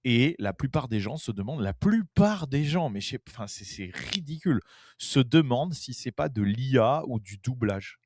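A man's voice: medium pitch, lively intonation, moderate pace, no room sound. A Frenchman speaking casually and emphatically, often repeating himself and swearing now and then. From France. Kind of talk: casual chat.

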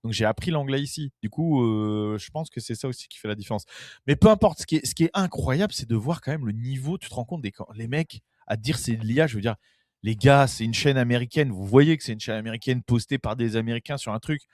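A man's voice: mid-range voice, quick pace, a little mellow, dry recording, studio quality. A Frenchman speaking casually and emphatically, often repeating himself and swearing now and then. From France. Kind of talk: casual chat.

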